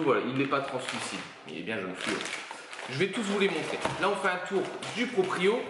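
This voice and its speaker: A man casually reviewing products on camera, thinking aloud with many fillers. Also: mid-range voice. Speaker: 3D printing YouTuber. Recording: very echoey room, faint noise.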